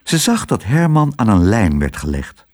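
A man reading a children's storybook aloud with expressive, lively narration. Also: lowish voice, moderate pace.

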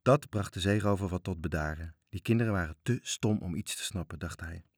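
A man's voice: sits low, brisk, slightly rough, dry recording, studio quality. A man reading a children's story aloud, expressively, voicing the characters. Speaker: narrator.

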